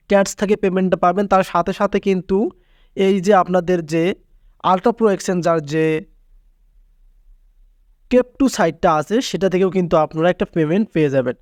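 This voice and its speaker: A man's voice: high voice, smooth, no room sound, clean studio sound. A man hosting a screen-recorded app tutorial, talking insistently and stressing his points with repeated filler words. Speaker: tutorial channel host.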